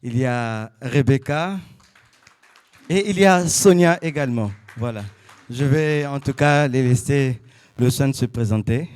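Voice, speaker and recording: A man's voice: mid-range voice, unhurried, darkish tone, smooth, close to an everyday voice. A man playing a teasing Congolese brother presenting his family in a drama, speaking in short phrases with wry asides. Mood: wry, relaxed.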